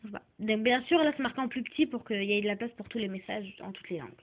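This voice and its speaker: A woman's voice: mid-range voice, rapid-fire, breathy edge. A woman giving a casual toy review, hesitant and filling her talk with restarts and small filler words. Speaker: doll reviewer. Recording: tinny phone-like recording.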